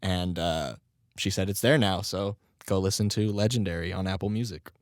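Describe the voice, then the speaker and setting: Speaking at a normal pace in a low-pitched voice, a young podcast host and rapper rambles through a casual solo episode, swearing and laughing at himself. His voice is on the mend but still a little strained, and the clean studio sound has no room echo.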